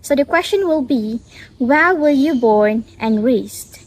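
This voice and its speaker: A young woman student narrating the method and results of a class study in a steady, report-like manner. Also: high-pitched, takes it slowly. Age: young adult. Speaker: student presenter. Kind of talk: scripted educational narration.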